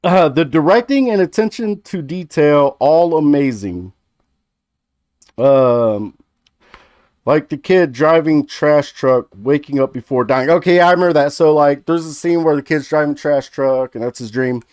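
A man's voice: on the high side, unhurried, darkish tone, no echo, studio quality. A man in his thirties giving a casual, sweary movie review to camera, rambling and jokey. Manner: rambling, jokey, laughs easily.

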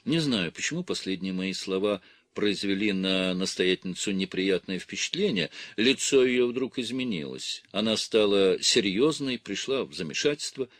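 A man reading a classic novel aloud as an audiobook in a calm, measured way. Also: fairly low pitch, no echo, clean studio sound. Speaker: audiobook reader. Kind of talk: scripted literary narration.

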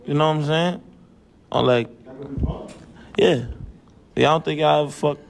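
A man's voice: a little high, a little slow, creaky. A man co-hosting a reaction video, teasing and laughing in casual chat.

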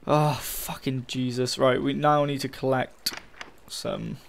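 Young dude commentating his game, kinda gravelly, cursing a lot, mid pitch. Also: flat delivery, slow, a little hiss or hum. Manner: frustrated, swears a lot, talks to viewers. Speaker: gaming channel host.

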